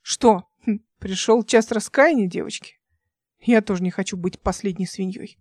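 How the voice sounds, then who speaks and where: An ironic man drawls teasing remarks, as a woman reading plays him. The voice is a little lower than her narration and dry. It stays mocking and easy. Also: moderate pace, darkish tone, no room sound, lightly acted.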